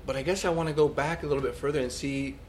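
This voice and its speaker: A man's voice: fairly high pitch, fairly even intonation, fast, darkish tone, a little hiss or hum. A man hosting an interview, asking the guest friendly, rambling questions with a few restarts. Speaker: podcast host.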